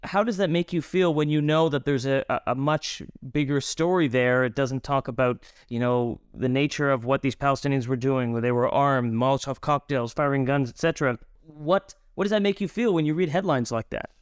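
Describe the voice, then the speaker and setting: A man hosting an interview podcast, asking questions with frequent pauses and restarts. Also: mid-range voice, clean tone, dry recording, studio quality. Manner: halting, many fillers and restarts. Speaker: podcast host.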